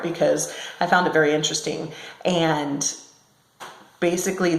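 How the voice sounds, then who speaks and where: A woman talks casually to her viewers, pausing on ums and correcting herself as she goes. Her voice sits a little low. She is recorded in a small room at work, and the echo rings around her words. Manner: chatty, with many ums and self-corrections. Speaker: vlogger. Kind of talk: casual talk to camera. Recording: echoey room sound.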